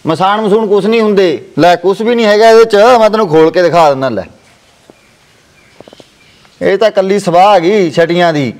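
A sly, fraudulent village holy man, played by a man in a homespun family drama, speaking with a Malwai Punjabi accent. His voice sits fairly high, and he smooths things over in a placating tone. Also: moderate pace, long pauses, close to an everyday voice. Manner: soothing, placating, calls others child.

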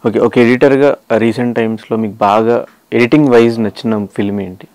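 A man with a Telugu accent hosting an interview, asking brisk questions and humming along as his guest answers. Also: mid-range voice, steady tone, darkish tone, no room sound. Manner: brisk questioning, frequent hums of agreement.

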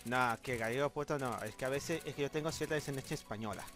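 An Argentine man hosting a casual chat while playing a fighting game, bursting into loud excited yelps. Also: medium pitch, fast talker. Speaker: channel host, gamer. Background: game music.

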